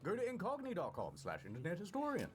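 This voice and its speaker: Man, comedic scripted narrator, theatrical, mock-serious, animated pitch, faint background noise. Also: fast talker. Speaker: video narrator and ad presenter.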